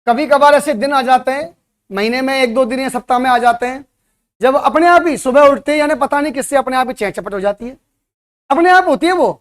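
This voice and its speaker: High-voiced man lecturing students. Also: brisk. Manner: lecturing with frequent rhetorical questions to the class. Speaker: coaching teacher. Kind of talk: motivational classroom talk to students.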